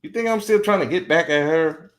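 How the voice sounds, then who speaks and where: Fairly quick and a little high-voiced, this podcast host is a man in his forties. His commentary is blunt and animated, with occasional mockery when he quotes others.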